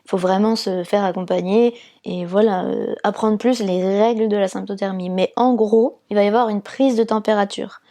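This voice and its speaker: A woman's voice: medium pitch, steady tone, normal speed, few pauses, mellow. A woman from France, a fertility awareness counsellor, explaining her work patiently step by step in an interview, with frequent fillers.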